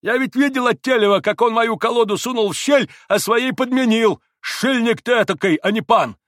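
A man's voice: extremely high pitch, moderate pace, fairly bright tone, dry recording, studio quality, voice pushed up. A man reading an audiobook, voicing a shrewd old innkeeper who scolds bluntly. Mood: scornful accusing.

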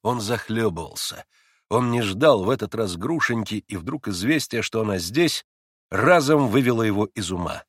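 A man reading a novel aloud as an audiobook narrator, with expressive, dramatic delivery. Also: lowish voice, moderate pace, no echo, clean studio sound. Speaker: audiobook reader.

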